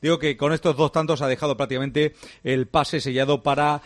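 A male reporter summing up a football match for a radio show. He speaks fluently, with the odd filler, in a voice set a little high for a man. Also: steady tone, fairly quick.

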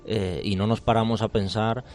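A male police commander with a Spain Spanish accent, answering interview questions in a measured, formal way with frequent hesitations. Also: fairly low pitch, steady tone, darkish tone. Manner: measured, formal, hesitant with many fillers and restarts.

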